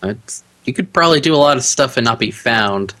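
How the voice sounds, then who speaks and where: A man speaks as a guest on a casual podcast interview. His voice is bright and forward, and he sounds relaxed and talkative, laughing easily. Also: mid-range voice, a little fast. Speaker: podcast guest, audiobook narrator.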